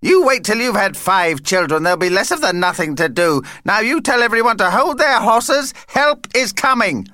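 A man acts out an excitable, self-important vampire from a children's story. The voice sits well above a normal male register and leaps about with bossy, theatrical indignation, recorded close and dry. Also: high-pitched, moderate pace, hardly any pauses, dry recording, pitched above the performer's own voice, exaggerated voice. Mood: indignant, bossy.

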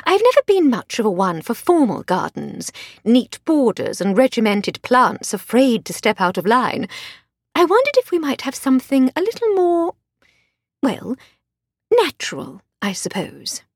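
A woman reading as a chatty, whimsical aristocratic lady, gushing in an upper-class way. She pitches her high and lively, with a breathy voice and a dry, close sound. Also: a little slow, no echo, heavily acted. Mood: musing.

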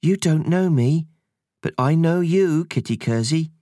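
A man's voice: fairly high pitch, animated, a little slow, mellow, dry recording, clean studio sound, pitched above the performer's own voice. A man voicing a mischievous invisible male sprite who gossips in a rustic country dialect. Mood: teasing.

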